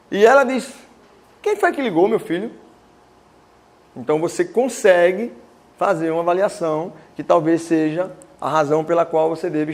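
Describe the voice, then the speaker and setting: A man's voice: high-pitched, creaky. A man giving a talk to students, telling stories and acting out the voices in them. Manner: animated storytelling with voiced quotes. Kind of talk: lecture to students.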